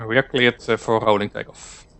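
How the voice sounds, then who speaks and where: A man's voice: on the low side, steady tone, brisk, background noise. A man, an airline pilot giving clipped radio calls and checklist callouts over a cockpit headset microphone.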